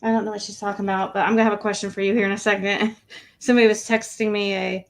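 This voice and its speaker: This woman's medium-pitched voice is flat and rapid-fire. As host of a casual true crime livestream panel, she asks questions in a loose, rambling manner.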